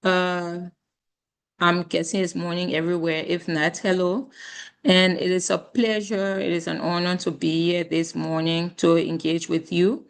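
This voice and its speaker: A hoarse woman with a Liberian accent delivers a formal keynote over a video call from a remote rural spot. Her voice sits low and sounds strained and worn. She talks earnestly, with frequent ums and uhs. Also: level tone, a little slow. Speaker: keynote speaker, government minister. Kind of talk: keynote address. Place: rural area, joining remotely. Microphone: video call, camera off.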